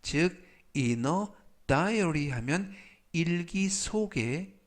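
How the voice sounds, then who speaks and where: A man gives a scripted English vocabulary lesson at a slow, deliberate pace. His voice sits a little high for a man. He stretches each English word out carefully so the learner can follow it. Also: lively intonation. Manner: slow, careful explanations, drawing out English words for pronunciation. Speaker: English teacher.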